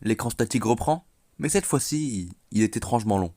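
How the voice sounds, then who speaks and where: A man's voice: mid-range voice, animated, brisk, mellow. Chatty male host telling a horror tale. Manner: chatty, joking, addresses viewers directly. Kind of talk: casual storytelling of an internet horror legend.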